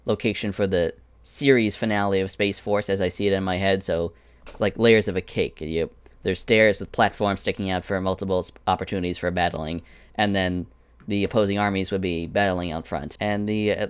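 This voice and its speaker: Chatty man with a smooth, lowish voice, in a casual walkthrough. The sound is dry and close, with no room echo. He keeps wandering into asides as he shows his builds. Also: fairly even intonation, normal speed. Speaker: animator showing his Minecraft prop world. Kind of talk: casual screen-recorded walkthrough.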